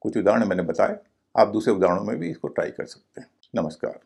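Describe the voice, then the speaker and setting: A man's voice: fairly low pitch, animated, quick pace, creaky, darkish tone, breathy edge. A man teaching a recorded video lesson, explaining step by step and spelling out each word letter by letter. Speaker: English teacher.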